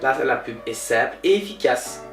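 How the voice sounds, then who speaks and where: With a mid-range voice at normal speed, close to his everyday sound, a man acts as a boastful, pompous billionaire entrepreneur in a comedy sketch interview. He brags contentedly, narrating with lively energy. The mic is distant, the room audible, and faint music plays.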